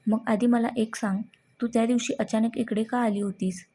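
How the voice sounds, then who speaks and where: A woman voicing a calm, patient father, husky low voice. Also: moderate pace. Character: stern but gentle middle-aged father.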